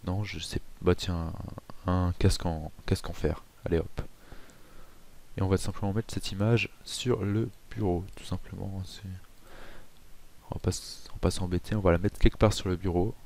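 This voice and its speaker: A man hosting a casual software tutorial, chatty with self-mocking asides and frequent hesitations. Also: sits low, steady tone, normal speed, creaky. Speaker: tutorial host.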